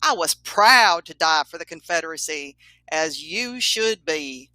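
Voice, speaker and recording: A preachy male Confederate ghost, as a woman reads him, lecturing slowly and deliberately. The voice is bright and forceful, recorded dry and close with no room sound. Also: sits low, animated, no echo, heavily acted.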